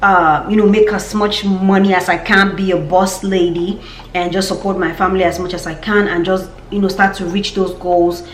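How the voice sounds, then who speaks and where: A woman's voice: lowish voice, steady tone, normal speed, roomy sound, slight background noise. A young woman with a Nigerian accent, chatting casually in a vlog update and repeating words for emphasis. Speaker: vlogger.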